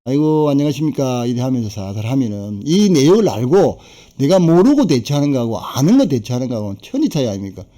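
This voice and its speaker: Middle-aged man, very dark mellow voice, folksy live-stream consultant who chats and chuckles. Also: mid-range voice, sing-song, quick pace. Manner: chatty, folksy, laughs between points. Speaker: fishing boat broker and fishing-village consultant. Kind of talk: casual live-stream talk.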